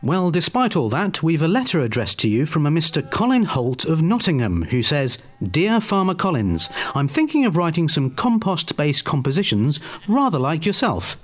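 British guy hosting a radio comedy, deadpan but swoopy voice, a bit high, scripted. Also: normal speed, soft background music. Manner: dry, deadpan. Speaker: comedy show host.

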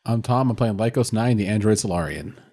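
A man's voice: fairly low pitch, expressive, a little fast, gravelly, warm tone, husky. A man talking casually as a player on a tabletop role-playing podcast. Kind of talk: casual tabletop game chat.

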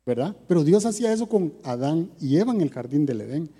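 A man's voice: a little high, sing-song, fairly quick, dark tone, slightly rough, long reverb tail. A man giving a conversational sermon, often putting rhetorical questions to his listeners. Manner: asks the audience rhetorical questions. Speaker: preacher.

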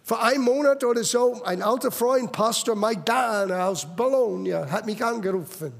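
High gravelly-voiced preacher man. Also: moderate pace, long reverb tail. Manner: emphatic, mixes English words into German. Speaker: pastor. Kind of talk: sermon. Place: church sanctuary.

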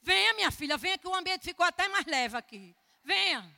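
A woman preaching acts out a wary older madam who fires off blunt questions. The voice sits high and bright. It rings with a long echo through a church hall. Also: a little fast. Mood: welcoming. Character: stern older woman brothel keeper, wary then warm.

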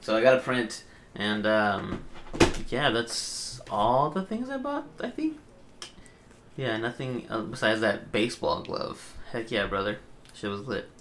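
A man's voice: lowish voice, huge pitch swings, measured pace, noisy background. Brief: young male host, casual crude banter, rambling delivery. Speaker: podcast host.

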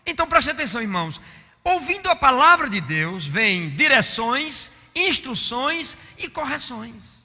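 Fiery preacher in a big echoing hall. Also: male voice, very high-pitched. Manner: impassioned, rising to shouts and dropping to mock-weary murmurs. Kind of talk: sermon. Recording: long hall reverb.

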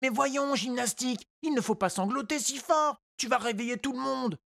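A man reading a storybook, voicing a small, gentle and determined boy in a high childlike voice. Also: moderate pace, vocal fry, dry recording, studio quality, exaggerated voice. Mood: tender. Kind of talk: audiobook character voice.

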